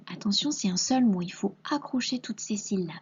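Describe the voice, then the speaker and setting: A woman teacher with a mid-range, breathy voice gives a recorded reading lesson to a young child at normal speed with lively intonation. She patiently sounds out syllables and letters, often dropping to a soft half-whisper, and the audio is dull.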